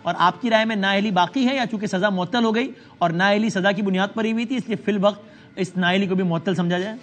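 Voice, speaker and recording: A man's voice: sits high, fairly even intonation. A male news show host conducting a current-affairs interview, pressing his guests with pointed follow-up questions.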